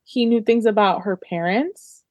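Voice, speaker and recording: A woman's voice: medium pitch, unhurried, no echo. A woman co-hosting a casual book club chat, talking chattily and filling her sentences with "like". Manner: chatty, heavy use of "like" fillers. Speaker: book discussion co-host.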